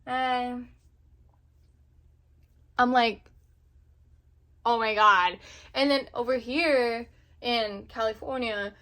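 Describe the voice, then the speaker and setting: Young woman vlogger from indonesia, casual chatty talk, kinda high voice, laughs a lot. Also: drawn-out words, pauses often. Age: 20s. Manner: chatty, animated, laughs often. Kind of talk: casual chat to camera.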